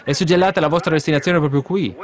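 A man preaching a sermon with fervour, breaking into emphatic outbursts and then dropping to hushed asides. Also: a little high, fast.

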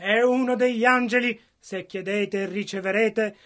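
A man's voice: sits high, fairly even intonation, unhurried, fairly bright tone. A man interpreting a sermon line by line, earnest and matching the preacher's fervor.

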